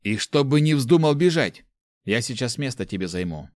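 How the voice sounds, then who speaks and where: A man voicing a skinny, quick-tongued young man who scolds loudly and bosses his friend around, in an audiobook. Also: medium pitch, big pitch swings, dry recording, clean studio sound, voice pushed up, lightly acted. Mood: bossy. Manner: loud, scolding, fast banter.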